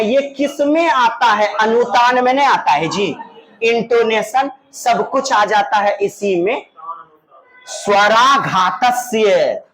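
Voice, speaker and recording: High-voiced, slow-talking teacher drilling students. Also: male voice, rough recording. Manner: drills students, repeating terms and calling out prompts. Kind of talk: online exam-prep class.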